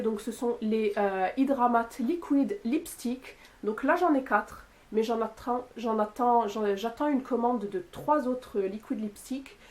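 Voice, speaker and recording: A woman vlogger chatting casually to camera about makeup she bought, with lots of fillers and pauses. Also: fairly high pitch. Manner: chatty, with frequent fillers and "voilà". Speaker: beauty youtuber. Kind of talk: casual product haul talk to camera.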